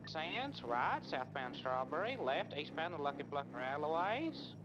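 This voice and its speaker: A man's voice: fairly high pitch, big pitch swings, a little slow. Give me a man on a police radio in a roleplay game, calling pursuit directions street by street in clipped phrases. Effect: over a police radio. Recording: muffled lo-fi radio with clear noise.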